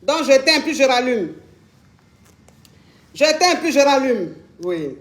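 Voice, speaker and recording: A woman with a very high voice, talking casually into a phone on a live stream. She is chatty, repeats herself a lot and keeps calling her viewers by affectionate names. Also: very animated, takes it slowly. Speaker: live-stream host taking calls. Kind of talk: casual live-stream chat and product promotion. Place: Dubai.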